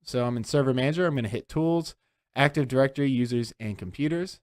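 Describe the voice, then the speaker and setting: A man's voice: mid-range voice, fast, darkish tone, no room sound. Male tech instructor, mid-range voice, dry close sound, patient step-by-step screen tutorial delivery. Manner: walks through steps one by one, often checking in with "okay?". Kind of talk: screen-recorded software tutorial.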